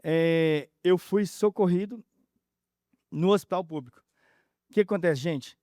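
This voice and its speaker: A man's voice: high voice, dark tone, no room sound, clean studio sound. A man giving an emotional personal testimony talk at a conference, telling his story through many reported dialogues. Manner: emotional, halting. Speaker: conference speaker.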